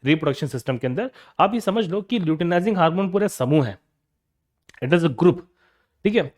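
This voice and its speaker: Brief: young male teacher, fairly high voice, drills terms through repeated questions. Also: expressive, moderate pace, a little mellow. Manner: repeats questions and answers them himself; calls students "beta". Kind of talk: classroom lecture.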